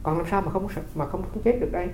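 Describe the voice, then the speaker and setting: Male monk, quick conversational dharma talk, slightly high voice, roomy recording. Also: a little mellow. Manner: conversational storytelling with rhetorical questions. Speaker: Buddhist monk.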